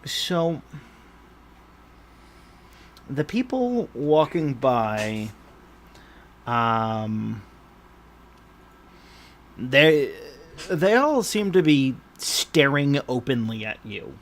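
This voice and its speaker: A man acting as game master, narrating casually with a hesitant, halting delivery. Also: medium pitch, very animated.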